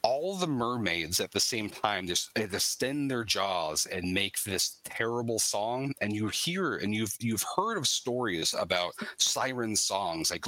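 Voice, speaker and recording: A man running a tabletop game, voice low and bright, with a dry close sound. He narrates haltingly, peppered with ums and uhs. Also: no echo. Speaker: game master.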